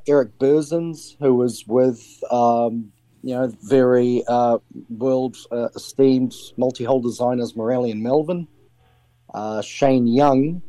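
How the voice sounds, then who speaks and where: Answering questions in an interview over the air, a middle-aged sailing skipper from New Zealand stumbles through many ums and restarts in his New Zealand accent. His mid-range voice is dark in tone, with no room sound.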